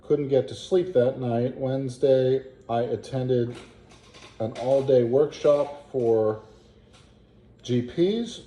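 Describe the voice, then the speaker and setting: A man reading an old family letter aloud in a halting way, with asides and pauses to puzzle out words. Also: mid-range voice, mellow, slight background noise. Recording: roomy, echoing home recording.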